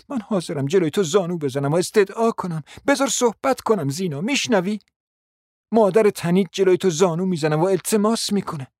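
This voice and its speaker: A man's voice: high voice, darkish tone, no echo, clean studio sound. A man playing a proud, scheming middle-aged mother who pleads insistently and at length, acted as a radio drama. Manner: pleading, insistent and long-winded.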